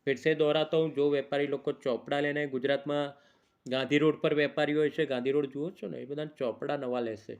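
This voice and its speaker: A man's voice: fairly high pitch, steady tone, a little fast, clear, resonant tone, muffled recording. A man giving casual devotional advice to viewers, chatty and scolding, reciting mantras and timings. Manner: chatty, scolding, switches between lecture and aside. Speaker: astrologer giving festival advice.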